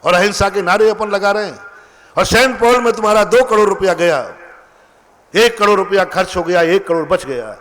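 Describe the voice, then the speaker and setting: A man's voice: sits high, normal speed, fairly bright tone, a little hiss or hum. A man preaching a sermon as a monk, emphatic and full of rhetorical questions to his listeners. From India.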